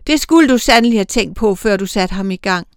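A woman's voice: medium pitch, lively intonation, clear, resonant tone, dry recording, studio quality, lightly acted. A woman voicing a senior female angel who is stern, irritable and bossy, speaking sharply and curtly. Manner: sharp, commanding, clipped.

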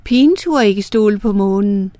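A woman narrating folk myths as a storyteller, in a lively, clear way. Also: mid-range voice, no echo.

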